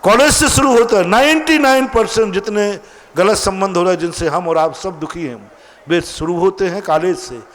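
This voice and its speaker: A man's voice: sits high, normal speed, a bit bright. A man preaching a sermon as a monk, emphatic and full of rhetorical questions to his listeners. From India.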